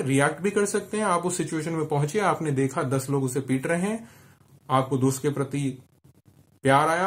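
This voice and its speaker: Man, leadership coach, motivational talk, slightly high pitch, earnest, everyday examples.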